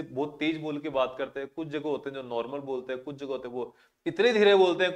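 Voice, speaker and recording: A man's voice: sits high, fairly bright tone. A male physics teacher, giving a classroom lecture and explaining through rhetorical questions and everyday examples.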